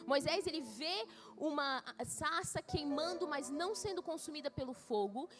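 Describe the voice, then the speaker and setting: Lively high-voiced woman preaching over music. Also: moderate pace. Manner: lively, chatty storytelling with acted-out quotes. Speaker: missionary preacher. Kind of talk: conference sermon. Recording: live sermon with music behind.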